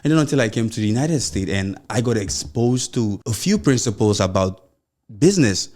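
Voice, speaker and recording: This is a young man with a Nigerian accent running a solo motivational podcast, his lowish, slightly mellow voice moving at normal speed with lively intonation. A mild stammer shows, and he comes across as earnest and encouraging, with rambling phrasing and frequent "you know"s.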